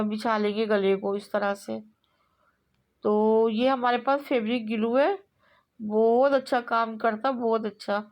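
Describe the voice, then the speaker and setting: A woman explaining kurti neck stitching step by step in a relaxed, repetitive way, pausing often with fillers. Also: fairly high pitch. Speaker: sewing instructor. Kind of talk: step-by-step tailoring tutorial.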